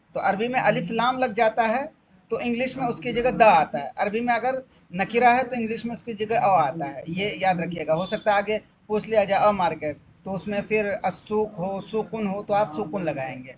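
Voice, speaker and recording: A man teaching Arabic through an exam paper, explaining step by step and repeating each question. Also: high-pitched. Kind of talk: exam-paper walkthrough lesson. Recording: dull lo-fi audio, faint background noise.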